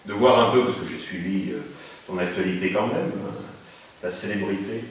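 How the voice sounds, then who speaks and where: A man's voice: low-pitched, moderate pace. A man playing a modest, wry investigator who talks hesitantly with many fillers, heard with a cathedral echo from some distance. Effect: cathedral echo, voice ringing from some distance in a vast hall. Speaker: investigator on a case. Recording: cathedral-like echo, off mic, faint noise.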